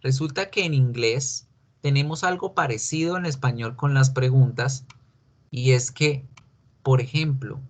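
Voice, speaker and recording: Slow, patient male teacher. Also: medium pitch. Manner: slow, patient explaining with questions to students. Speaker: English teacher. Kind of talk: online class lecture.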